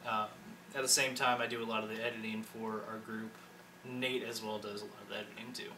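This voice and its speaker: A man's voice: fairly low pitch, level tone, fairly quick, bright, forceful tone, recorded from a distance, slight background noise, low-quality recording. A man in his twenties casually introducing himself and his video group, rambling and correcting himself as he goes. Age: 20s. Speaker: channel editor and online manager. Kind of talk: casual self-introduction to camera.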